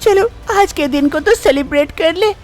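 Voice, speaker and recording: Woman voicing a very high-pitched devoted cartoon wife. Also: moderate pace, a little mellow, soft background music. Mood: caring. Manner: earnest, reassuring. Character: devoted young wife, anxious and caring.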